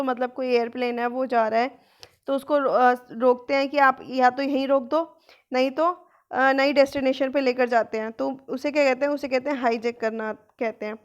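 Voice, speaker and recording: A woman teacher giving an online vocabulary lesson, mixing Hindi and English, posing questions and answering them herself, and reading English definitions slowly. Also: sits high, lo-fi sound. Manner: explains in Hindi mixed with English, asks and answers own questions. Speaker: exam-prep teacher.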